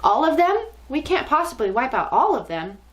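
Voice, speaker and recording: A woman's voice: high-pitched, very animated, normal speed, voice pushed up. A woman voicing a cowering witch underling who pleads and begs in fear. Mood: frightened, pleading. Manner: pleading, begging.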